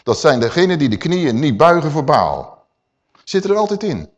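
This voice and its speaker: A man's voice: fairly high pitch, moderate pace, dull audio. A middle-aged man preaching a sermon, putting questions straight to his congregation. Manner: animated, addresses the congregation directly with questions.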